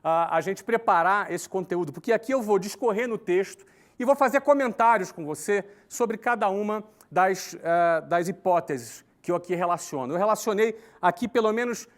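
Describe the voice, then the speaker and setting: In a recorded talk for online listeners, a forties-aged man speaks at a moderate pace with a high-sitting voice. He's conversational and emphatic, checking in with tag questions and listing steps in a lively rhythm.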